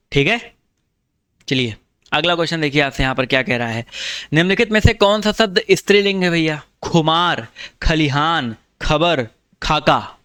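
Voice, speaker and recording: Male teacher, fairly high voice, smooth and clear, dry close sound, walks through exam answers, keeps asking students questions. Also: a bit bright, dry recording. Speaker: Hindi exam-prep teacher. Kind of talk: online test walkthrough lesson.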